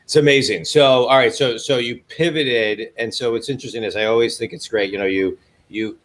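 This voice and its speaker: A man's voice: medium pitch, steady tone, brisk, fairly bright tone. A man in his forties hosting a business interview over a video call, eager and often repeating words as he starts a thought. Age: 40s. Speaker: host.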